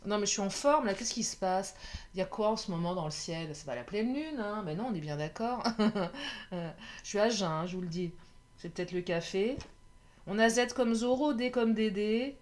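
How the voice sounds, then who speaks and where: A woman's voice: medium pitch, expressive, moderate pace, darkish tone. A woman giving a casual tarot reading, chatty, laughing often and joking about herself. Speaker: tarot card reader.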